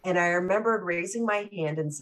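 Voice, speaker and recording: Forties woman, low register, interview guest who restarts words as she tells her story. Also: brisk. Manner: candid, restarts and repeats words mid-thought. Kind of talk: personal storytelling in conversation.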